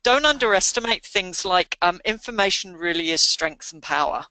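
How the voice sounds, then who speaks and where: A woman co-hosting a coaching call, measured and explanatory as she adds examples. Her voice is bright and forceful, her pitch mid-range, recorded close and dry. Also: animated, no echo. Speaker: travel researcher and co-host. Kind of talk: casual explanatory chat.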